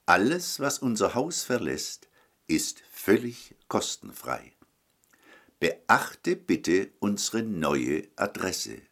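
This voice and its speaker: A man preaches a short telephone sermon in a very deep voice. He takes his time and his pitch rises and falls a lot. He pleads with the listener and addresses them directly. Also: very animated, takes it slowly, fairly bright tone.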